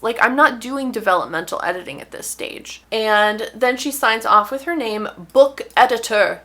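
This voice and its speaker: Bright, gravelly woman venting wryly. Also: mid-range voice. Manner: wry, exasperated, talks with lively emphasis. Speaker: author. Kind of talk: casual vlog talk to camera.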